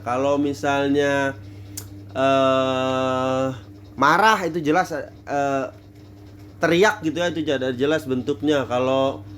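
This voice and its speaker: A man's voice: medium pitch, slight background noise. A man giving a casual theater lecture, thinking aloud with many fillers and restarts.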